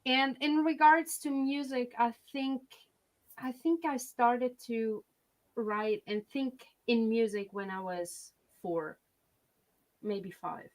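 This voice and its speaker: This young adult woman is a Swiss singer-songwriter, chatting casually as a guest on a video-call interview. Her voice sits a little high and she takes it slowly, often restarting her sentences.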